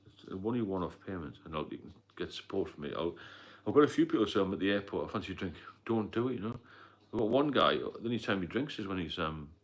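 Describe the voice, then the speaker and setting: Low, expressive and quick, this middle-aged British man barely pauses as he hosts a rambling live stream about sobriety. A mentor to others staying sober, he fills his speech with fillers and coughs.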